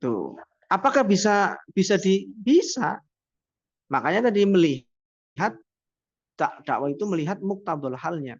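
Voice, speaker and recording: In this classroom lecture, a man with a high voice talks casually to his university audience, raising rhetorical questions only to answer them. There's no room sound, and the audio comes across as dull, dry and lo-fi.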